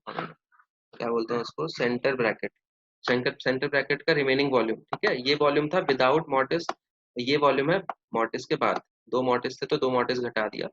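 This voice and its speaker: A man's voice: mid-range voice, a bit bright, highs cut off. A male teacher who talks through a math problem step by step, drops English terms into his Hindi, repeats himself, and keeps checking that students follow. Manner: repeats steps, checks understanding often. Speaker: exam prep teacher.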